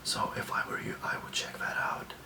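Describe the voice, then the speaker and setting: A young man from Lithuania, giving soft, reassuring self-care tips in a whispered ASMR talk. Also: reverberant, distant mic, low-quality recording. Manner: soft, slow and gently reassuring. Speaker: ASMR host.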